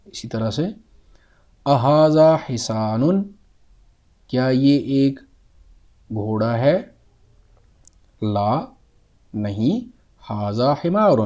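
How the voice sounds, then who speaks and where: Low, mellow-voiced man teaching Arabic slowly. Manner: slow drawn-out Arabic words with Urdu glosses; frequent "aa" fillers, mixes in English words. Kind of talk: beginner language lesson.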